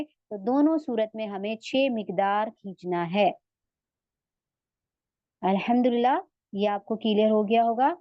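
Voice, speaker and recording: A woman's voice: on the high side, dry recording, dull audio. A woman with an Urdu accent teaching a Quran recitation lesson online, patiently asking her students whether they follow and stretching out the sounds she demonstrates. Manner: patient, asks checking questions.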